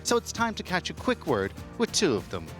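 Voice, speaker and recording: A man's voice: sits high, huge pitch swings, brisk, fairly bright tone. A man reading scripted narration as a television reporter. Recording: voice-over with clear music bed.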